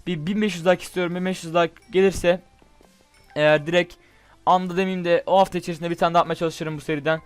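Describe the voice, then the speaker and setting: A young man doing casual, excitable gameplay commentary, chatting straight to his viewers. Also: high voice, fast, smooth. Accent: Turkish. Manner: chatty, excitable, talks to viewers as "guys" and "bro". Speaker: gaming YouTuber. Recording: faint game music behind.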